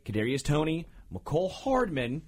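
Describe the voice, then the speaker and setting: A man talking sports on the radio in a husky voice. His pitch swings widely as he rants, and it jumps up into high outbursts. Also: very animated, normal speed, darkish tone. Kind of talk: casual sports talk.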